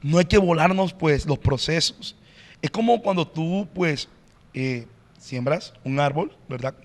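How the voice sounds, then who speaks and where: A male pastor explaining in an earnest, teacherly way as a podcast guest, often pausing on "eh". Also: on the high side, long reverb tail. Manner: earnest, teacherly, frequent "eh" fillers. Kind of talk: podcast interview, preaching-like explanation.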